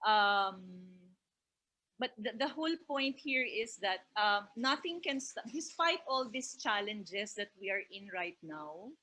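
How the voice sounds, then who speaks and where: A woman's voice: medium pitch, lively intonation, a little slow, pushed and bright, low-quality recording. A woman from the Philippines, giving a hesitant panel talk full of fillers and "no?" tags. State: emotional, voice rising near the close. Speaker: theater company speaker. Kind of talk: panel presentation.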